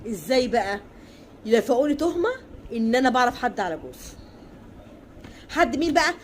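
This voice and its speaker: A woman's voice: a little high, big pitch swings, fairly quick, slight background noise. An Egyptian woman telling a dramatic personal story in a colloquial way, emphatic, repeating her lines and acting out the other voices.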